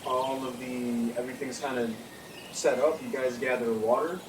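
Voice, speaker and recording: A man's voice: mid-range voice, steady tone, normal speed. A man narrating as game master of a tabletop game, casual and teasing. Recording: echoey room, far from mic, noisy background.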